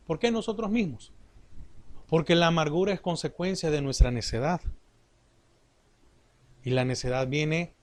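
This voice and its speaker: A middle-aged man delivers a sermon at a slow, measured pace. His voice sits slightly high for a man. He leans on rhetorical questions to draw the congregation in. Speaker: preacher.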